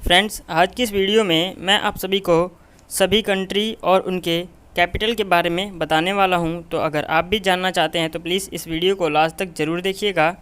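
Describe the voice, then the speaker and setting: A man's voice: sits high, steady tone, moderate pace, fairly bright tone, smooth. A man teaching a memory tutorial, explaining step by step and checking in with "okay" after nearly every phrase. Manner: repeats "ठीक है" and short checks constantly. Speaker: memory trainer teaching mnemonics.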